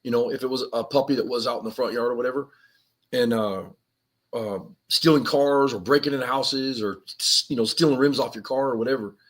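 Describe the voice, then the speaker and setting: A man's voice: mid-range voice, fairly quick. A man co-hosting a live survival podcast, telling stories in a rambling, slangy way and laughing as he goes. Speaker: podcast co-host. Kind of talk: casual live-stream chat.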